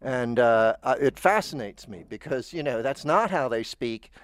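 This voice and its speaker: A man's voice: mid-range voice, lively intonation, normal speed, no room sound. American guy rambling on, lots of stammery restarts, dry sound. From United States. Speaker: podcast host. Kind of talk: casual chat.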